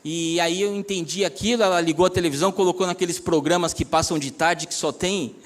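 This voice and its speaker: A man's voice: high voice, fairly even intonation, a little fast. A man, a pastor sharing a personal testimony in an earnest, conversational way, often addressing listeners as "my brother".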